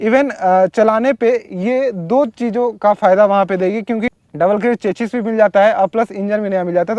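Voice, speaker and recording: High-voiced man reviewing a motorbike. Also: a little mellow, no room sound. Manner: conversational, explaining features with frequent fillers. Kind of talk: casual product walkaround. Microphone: wireless or helmet mic.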